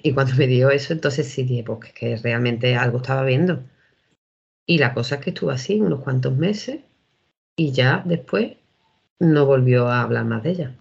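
Gravelly Andalusian woman telling a story. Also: very deep voice, normal speed, darkish tone. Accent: Andalusian Spanish. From Seville, Spain. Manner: rambling, repeats words and restarts often. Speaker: interview guest, witness. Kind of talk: casual storytelling. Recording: dull lo-fi recording.

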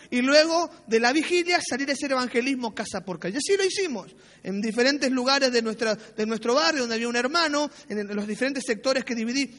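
During a sermon, a pastor whose voice is very high and fairly bright shares anecdotes about his own past, poking fun at himself. Short tag questions keep his listeners engaged, while the church hall's long reverb swallows the ends of his lines.

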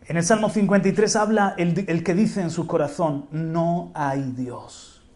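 An impassioned pastor with a Spain Spanish accent preaching a sermon. His voice sits high for a man, and he keeps rising into loud exclamations. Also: fairly quick.

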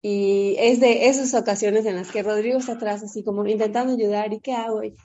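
A woman in her thirties with a Mexican accent, telling a parenting story in a casual chat and acting out quotes in a higher voice. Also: a little fast, muffled recording. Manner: animated, acts out quotes in a high voice, swears freely.

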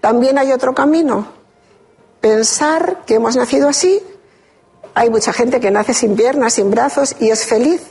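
A woman giving an interview, telling a deeply personal story in a measured, reflective way with hesitant restarts. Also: a little mellow, breathy edge. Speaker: interview guest. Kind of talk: emotional personal testimony.

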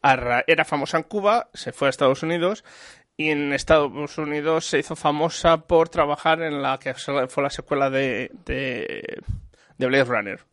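A man's voice: a little high, moderate pace, a bit bright, no room sound, clean studio sound. Man rambling about a film. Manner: rambling, full of restarts and repeated words. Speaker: film reviewer in conversation. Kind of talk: casual chat.

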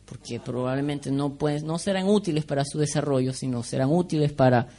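A man's voice: a little high, brisk, warm tone. A man preaching a sermon in a conversational way, asking the congregation questions and making joking asides.

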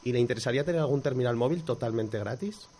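A man's voice: mid-range voice, fast, warm tone, breathy edge. A man co-hosting a radio show, playing a formal phone salesman in a prank call. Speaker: radio co-host.

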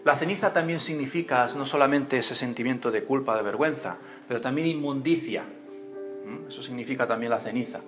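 A man preaches in a church, at a middle pitch for a man. He tells stories animatedly, acting out voices and questioning his listeners, with soft music faintly behind him. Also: fairly quick. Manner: animated storytelling, acts out voices and cries, asks the congregation questions. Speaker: pastor. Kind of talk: sermon.

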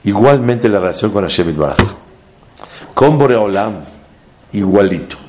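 A man teaching a Torah class to a live audience as a rabbi. He talks emphatically, sweeps up in pitch to stress his points, and mixes Hebrew terms into his speech. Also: expressive, normal speed, a little mellow.

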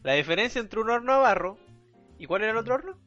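A man co-hosting a podcast, cracking dry, deadpan jokes in casual chat, on a dull lo-fi recording. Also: sits high, quick pace, faint music behind. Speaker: podcast co-host.

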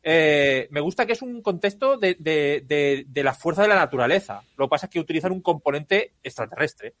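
A man's voice: on the high side, a bit bright, no room sound. A man discussing films casually as a podcast panelist, often tagging on questions and acting out paraphrases.

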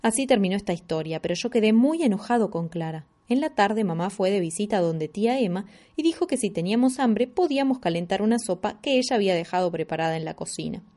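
A woman reading a children's story aloud with expressive, animated narration. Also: medium pitch, quick pace, few pauses.

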